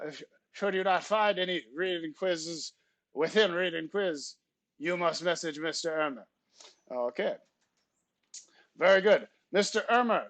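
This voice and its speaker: A man's voice: high voice, no echo. A man teacher voicing a pompous French substitute teacher in a put-on, exaggerated French accent, reading class announcements in stiff, formal phrasing. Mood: announcing. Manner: formal, stilted phrasing with theatrical flourishes. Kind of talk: comic class announcements in character.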